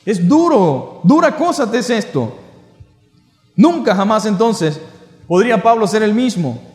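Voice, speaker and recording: High-voiced Venezuelan man preaching, echoey hall. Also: sing-song, a little slow, faint music behind. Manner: emphatic preaching with repeated rhetorical questions. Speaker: pastor. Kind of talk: sermon. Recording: echoey church hall with long reverb.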